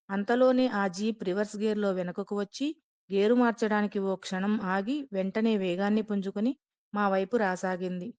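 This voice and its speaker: A woman reads a novel aloud at a calm, measured pace, keeping the characters' lines in her own voice. The recording is dry and close, with no room sound. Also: medium pitch, no echo. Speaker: audiobook narrator. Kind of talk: reading a translated novel aloud.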